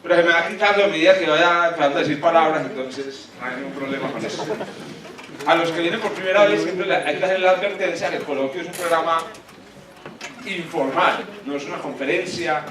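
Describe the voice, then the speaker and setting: A man with a Paisa Colombian accent hosting an informal science talk, halting and colloquial, his articulation slightly awkward from new dental braces. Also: on the high side, crowd noise. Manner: colloquial, halting, searching for words. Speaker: colloquium host, astronomer. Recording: echoey hall, far from mic, faint noise.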